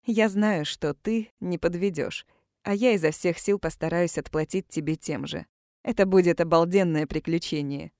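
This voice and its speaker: A woman voicing a bold, teasing former army doctor in an audiobook romance, in her own low, dry voice. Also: moderate pace, a little mellow, dry recording, lightly acted. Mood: warm. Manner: teasing, blunt.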